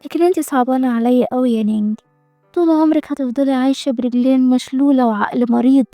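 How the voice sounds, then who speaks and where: A woman's voice: high-pitched, fast, mellow, dry recording, soft background music. A woman voicing a bold, defiant young heroine with an Egyptian Arabic accent, speaking mockingly.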